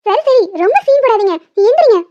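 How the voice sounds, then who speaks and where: A woman's voice: extremely high pitch, animated, fast talker. A woman voicing a nosy young wife who scolds and questions the men, in a dull, muffled recording. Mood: scolding. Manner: scolding, suspicious.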